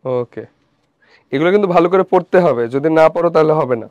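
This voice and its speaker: A man's voice: on the high side, quick pace, darkish tone, no room sound. A young man teaching a live online revision class, who asks questions, repeats them and answers them himself. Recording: dull dry lo-fi stream audio.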